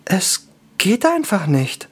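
A whiny, plaintive young elf woman of a game world, as a male narrator puts her on. Her voice sits well above the narrator's own and wavers through a lively melody, slightly breathy. She sounds put-upon and impatient. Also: sits high, takes it slowly, voice pushed up, heavily acted.

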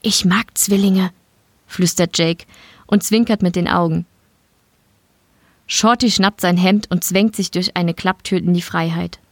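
A woman narrating a short story in an audiobook style, steady and matter-of-fact. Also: on the low side, unhurried, long pauses, dry recording. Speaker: reader.

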